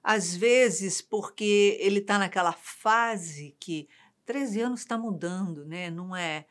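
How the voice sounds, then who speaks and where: A woman's voice: mid-range voice, slow pace. A woman with a Brazilian Portuguese accent hosting a talk program, emphatic and pressing her points. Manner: emphatic, indignant when arguing a point. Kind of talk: casual discussion on a talk program.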